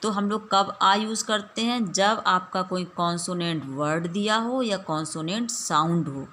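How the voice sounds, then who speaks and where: A woman teacher explaining a grammar lesson patiently, mixing languages and repeating slow example sentences. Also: mid-range voice, sharp tone, slight background noise. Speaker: English teacher.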